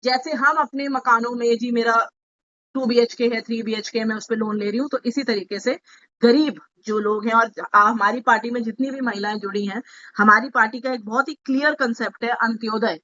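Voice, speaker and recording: A fairly high, bright and forceful woman's voice explains things patiently to a group over an online call, often telling listeners to write points down. The audio is dull and lo-fi, the way a video call sounds. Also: fairly even intonation, a little fast. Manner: explanatory, asks listeners to take notes, mixes English terms. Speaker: party speaker addressing women members. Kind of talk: online meeting talk explaining a housing scheme.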